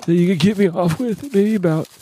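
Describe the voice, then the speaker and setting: A man co-hosting a comedy podcast, trading crude jokes in an excitable voice and breaking into frequent laughter. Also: high-pitched, brisk, a little hiss or hum, low-quality recording. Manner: excitable, exclaiming, often laughing.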